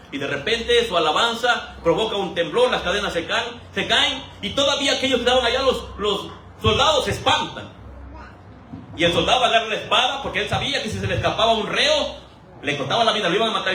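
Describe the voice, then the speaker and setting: A man preaching an animated sermon in a church, asking the congregation questions and briefly mimicking voices for laughs. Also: high voice, a little hiss or hum. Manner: animated, rhetorical questions, acts out quoted voices for humor. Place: church hall. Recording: roomy echo, voice from a distance.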